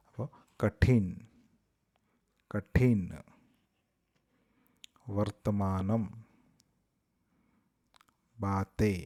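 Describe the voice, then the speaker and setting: Slow Malayali man teaching vocabulary. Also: lowish voice, mellow. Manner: slow, repeats each word twice. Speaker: language teacher. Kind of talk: vocabulary lesson.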